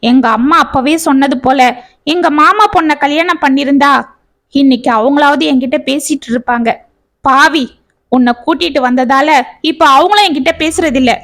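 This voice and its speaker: A bitter young husband hurls harsh accusations in a fairly high voice, played by a woman narrator. He scolds relentlessly and cuts off any reply, keeping every line sharp. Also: moderate pace. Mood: angry.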